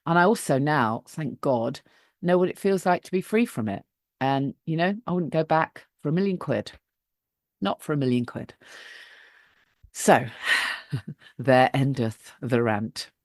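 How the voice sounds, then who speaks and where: A woman's voice: low-pitched, no echo, studio quality. A woman hosting a podcast, chatting casually and often repeating words as she thinks. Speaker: podcast host.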